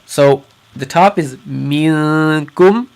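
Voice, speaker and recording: Patient man teaching recitation slowly. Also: a little high, darkish tone. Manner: patient, repeats sounds slowly for students. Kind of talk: explanatory lesson.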